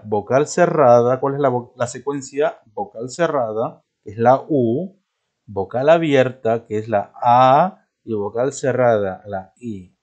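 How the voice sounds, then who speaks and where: Guy teaching a grammar class, keeps checking in with quick questions, walks through examples he points at. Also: medium pitch, darkish tone. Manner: checks in often with short tag questions; explains step by step, asking and answering his own questions. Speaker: language teacher.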